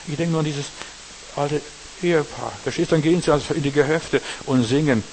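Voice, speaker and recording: A man preaching a sermon, emphatic, speaking straight to the congregation and swinging between loud stresses and quiet asides. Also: fairly high pitch, brisk, slight background noise, rough recording. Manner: emphatic, talks straight to the congregation with repeated tag questions.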